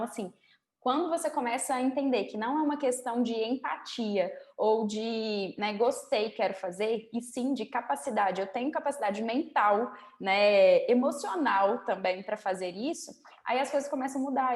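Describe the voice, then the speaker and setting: A woman's voice: a little high, brisk, darkish tone, echoey room. A woman hosting a productivity interview, explaining and advising in a chatty way over a video call. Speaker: host. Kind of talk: interview host chat.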